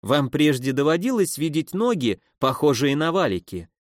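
A man voicing a drunken, cruel old woman who scolds and mocks in a loud, theatrical way. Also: a little high, very animated, moderate pace, no room sound, clean studio sound. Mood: mocking. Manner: sneering, scolding, loudly theatrical.

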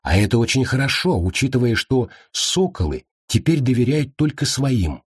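A cool, ruthless priestess from a storybook, laying out her plans in a calm, matter-of-fact tone, as a male narrator puts her on. Her voice sits higher than the reader's own and carries a husky grain. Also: normal speed, dry recording, clean studio sound. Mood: calm, cold. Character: calm, cruel woman priestess.

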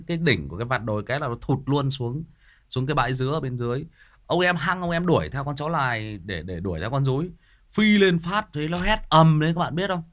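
Young man, casual live storyteller with an animated, rambling delivery. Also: mid-range voice. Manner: animated, rambling, with repeated words and asides to listeners. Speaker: storyteller host.

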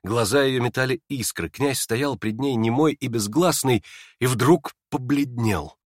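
A man narrating a classic novel aloud in a measured, expressive reading voice. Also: mid-range voice, dry recording, clean studio sound. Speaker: audiobook narrator.

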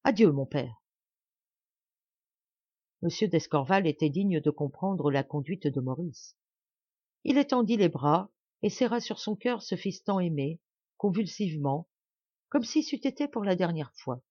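A woman narrating a classic novel as an audiobook in an expressive, dramatic reading. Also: fairly low pitch, normal speed, dry recording. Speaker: audiobook reader. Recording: dull dry home recording.

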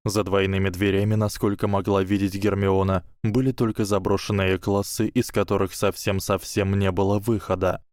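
A man narrates an audiobook with a fairly low voice in a steady, measured read. The sound is dry and close, with no room in it. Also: dry recording.

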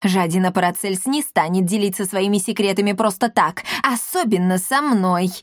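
A woman's voice: mid-range voice, moderate pace, no echo, clean studio sound, lightly acted. A woman voicing a grumpy, sly old male apothecary who grumbles, hisses and squeals. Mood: grumbling. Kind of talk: audiobook character voice.

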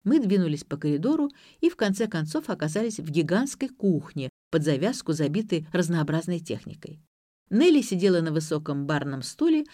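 A woman reading a first-person audiobook with expressive storytelling. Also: fairly low pitch, no room sound, clean studio sound. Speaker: narrator. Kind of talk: audiobook narration.

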